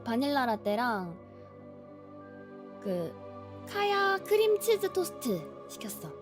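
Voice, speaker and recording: A woman live streamer chatting casually before a game, with a cutesy, playful, expressive anime-streamer manner. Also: high-pitched, slow, over music. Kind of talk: casual livestream chat before playing a game.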